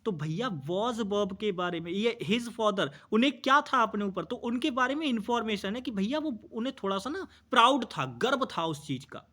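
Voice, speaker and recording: High-voiced male English teacher. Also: lively intonation, pushed and bright. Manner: explains patiently, asks students questions, calls them bhai and bhaiya; reads example sentences slowly and clearly. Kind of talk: exam-prep grammar lesson.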